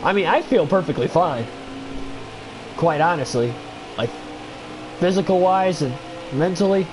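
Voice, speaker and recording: Over music and through poor audio, a young gaming livestreamer with a stuffy nose chats with viewers and commentates a racing game. His high voice is animated yet unhurried, and he rambles with many fillers.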